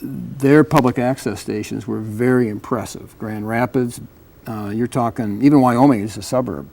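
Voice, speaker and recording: An American man speaks at a middling pitch in a casual panel discussion. He explains things haltingly, like a community advocate laying out practical points. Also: steady tone, gravelly, a little mellow. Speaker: public access show panelist and advocate.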